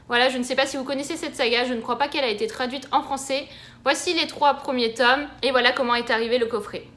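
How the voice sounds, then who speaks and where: A woman's voice: sits high, a bit bright. A woman chatting casually to camera as a book vlogger, talking through her latest book haul in a chatty, enthusiastic way. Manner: chatty and enthusiastic, with frequent fillers.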